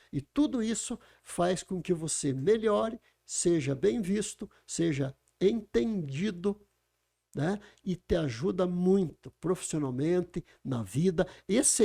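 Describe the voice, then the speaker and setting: A man speaks on a podcast. His voice is gravelly, mellow and a little high. He teaches in an emphatic way and asks the listener rhetorical questions. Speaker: communication speaker. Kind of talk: conversational explaining. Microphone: podcast microphone.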